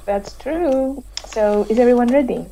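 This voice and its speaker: A woman's voice: a little high, slow, creaky, dark tone, slight background noise, rough recording. A woman hosting an online panel discussion over a video call, chatty with many fillers. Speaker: host.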